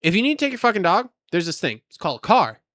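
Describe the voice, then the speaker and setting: A man co-hosting a casual chat, telling animated stories and ranting with lots of swearing. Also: high-pitched, very fast, no room sound, clean studio sound. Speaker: podcast co-host.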